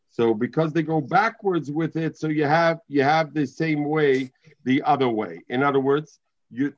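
Muffled Yiddish-inflected man teaching Talmud. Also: fairly high pitch. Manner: repeats and restates phrases. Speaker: religious teacher. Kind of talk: informal Talmud lesson, reading and explaining.

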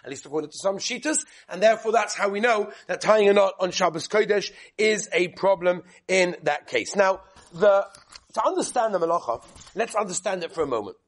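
A man with teaching a religious class as a rabbi, telling stories with rhetorical questions and repeated phrases, in a husky voice. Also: sits high, expressive, brisk. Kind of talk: lively religious lesson with storytelling.

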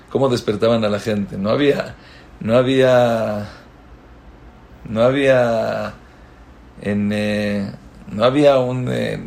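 A man giving a religious lecture as a rabbi. He tells stories and swings from loud exclamations to hushed asides. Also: fairly low pitch, gravelly. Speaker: rabbi giving a Torah talk.

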